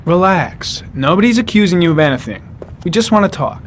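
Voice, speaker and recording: A calm FBI agent. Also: male voice, high voice, fairly quick, a little hiss or hum. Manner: calm, reassuring questioning. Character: calm, measured male federal agent.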